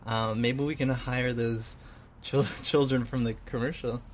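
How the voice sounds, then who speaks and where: A man with a medium-pitched, steady voice speaks a little slowly. He's a co-host on a homemade radio show, casually chatting in a joking, rambling, self-deprecating manner.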